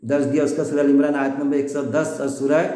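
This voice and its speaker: A man's voice: mid-range voice, steady tone, warm tone, reverberant. A man giving an informal religious lesson, explaining verses step by step, repeating his points and asking rhetorical questions. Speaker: Quran teacher.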